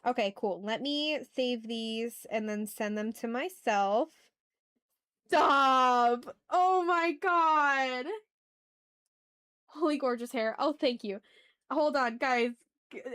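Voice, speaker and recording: A woman with a slightly high, fairly bright, clean-toned voice hosts a casual art stream. She thinks aloud as she draws and chats with her viewers in informal, slangy, enthusiastic language.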